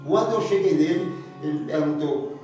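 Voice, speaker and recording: A man's voice: fairly high pitch, normal speed, mellow. A man in his seventies with a Northeastern Brazilian accent from Paraíba, earnestly recounting his life story in a rambling, emotional way. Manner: rambling, earnest, with frequent "né?" asides. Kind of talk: slow, emotional spoken memoir. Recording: echoey room, distant mic, guitar music. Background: guitar music.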